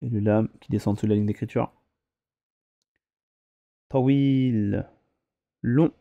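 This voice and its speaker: A man's voice: on the low side, fairly even intonation, takes it slowly, gravelly, dry recording, phone-quality sound. A man teaching a reading lesson, spelling words out syllable by syllable and patiently correcting their pronunciation. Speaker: Arabic teacher.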